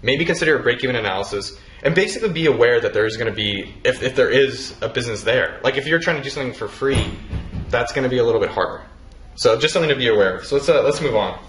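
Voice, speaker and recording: Speaking in a mid-range, fairly bright voice with lively intonation, a man hosts a relaxed talk offering startup advice. He's fast, loose, quick to swear and quick to laugh, recorded in an echoey space with faint noise.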